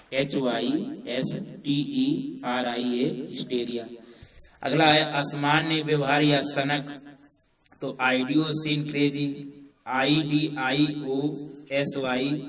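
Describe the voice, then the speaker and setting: A man teaches vocabulary in a coaching class, spelling each word out one letter at a time. His voice sits a little high but stays flat and unhurried. The mic is set back, so the sound is distant and echoey. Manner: slow, deliberate dictation. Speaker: English teacher. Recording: roomy echo from far off mic.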